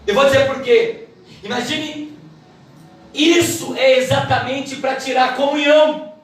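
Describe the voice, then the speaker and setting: A woman giving a church Bible lesson, quick and emphatic in her delivery. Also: high-pitched. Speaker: Bible teacher. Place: church hall. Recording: echoey hall, mic from far off.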